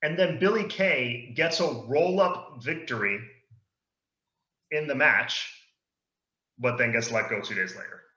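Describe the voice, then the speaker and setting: Male co-host, casual chat, leads the talk; sharp, bright tone, roomy echo. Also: medium pitch, measured pace, pauses often. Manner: easygoing, opinionated, leads the discussion. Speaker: podcast co-host. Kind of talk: casual chat about wrestling. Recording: echoey room, dull lo-fi sound.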